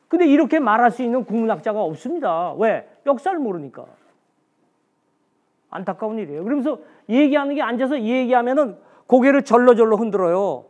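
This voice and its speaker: A man's voice: very high voice, darkish tone. A man giving a special history lecture in a blunt, colloquial way, asking himself questions and answering them.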